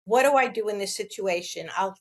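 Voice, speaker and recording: A woman's voice: medium pitch, fairly quick. A middle-aged woman, a real estate agent and guest, telling stories in a casual interview and acting out the dialogue in them. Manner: animated, acts out quoted dialogue.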